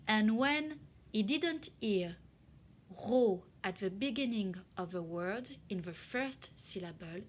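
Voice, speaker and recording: A woman talks children through a classroom exercise at a very unhurried pace. She stretches out the syllables as she sounds them and keeps her voice at a medium pitch. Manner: slow, careful, spelling out syllables. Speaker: teacher. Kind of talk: slow classroom explanation in two languages.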